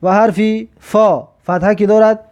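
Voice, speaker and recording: A man with a Tajik accent and a fairly high voice, teaching the Arabic alphabet in a recorded lesson. He works patiently through each letter, sounding it out slowly and repeating it again and again. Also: darkish tone, lo-fi sound.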